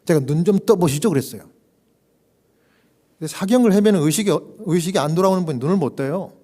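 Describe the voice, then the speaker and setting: A pastor with a fairly high voice preaches in a church. He tells a story with animation and plays the people in it. At solemn moments his voice sinks to a hushed whisper. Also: fast talker. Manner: animated storyteller who acts out quoted voices. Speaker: pastor and hospital chaplain. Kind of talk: sermon storytelling.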